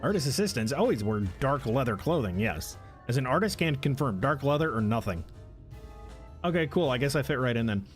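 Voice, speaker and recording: A man's voice: medium pitch, expressive, fairly quick, soft background music. A man streaming a game, making casual, joking asides to his chat. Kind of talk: casual gameplay commentary.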